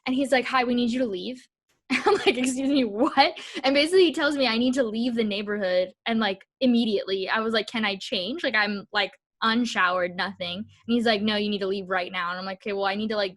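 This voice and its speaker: Her voice sits fairly high and a little bright, and she moves at a quick clip. She's a young woman co-hosting a podcast, animatedly recounting stories with plenty of "like" and acted-out lines.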